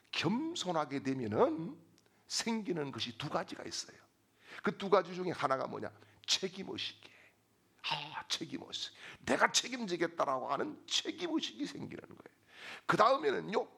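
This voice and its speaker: A middle-aged pastor delivers a sermon with a husky, gravelly voice. His pitch swings widely, climbing into shouted refrains. Between them he tells humorous stories and acts out the characters. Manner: preaching with rising shouted refrains.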